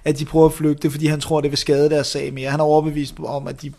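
A man co-hosts a casual film review show, chatting about movies with enthusiasm despite many fillers, hesitations and restarts. His voice is fairly high, mellow and creaky, with a monotone delivery.

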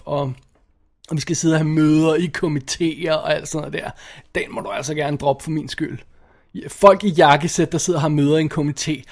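High-voiced, opinionated man ranting casually. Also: creaky. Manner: animated, opinionated, swears and laughs often, many restarts. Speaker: podcast co-host reviewing films. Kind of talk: casual chat.

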